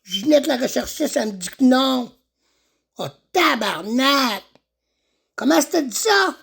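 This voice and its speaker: A man playing an excitable, giggly young man with a Quebec French accent, proud of his medals. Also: very high-pitched, a little slow, vocal fry, slightly rough, voice pushed up, heavily acted.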